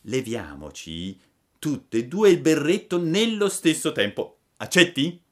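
A man's voice: a little high, very animated, a little slow, pitched above the performer's own voice. A man doing a raised-voice mischievous puppet boy. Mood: scheming. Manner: bargaining, eager.

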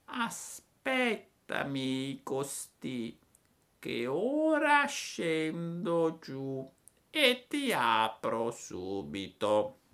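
A man voicing a placid, unhurried female snail in a storybook reading, with a slow drawl. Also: a little high, huge pitch swings, fairly bright tone, voice pushed up, heavily acted.

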